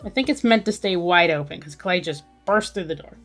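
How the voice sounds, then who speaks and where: A woman hosts a drawing livestream, chatting casually and musing aloud as she works, with music playing in the background. Her voice is fairly low and fairly bright, animated, and fairly quick.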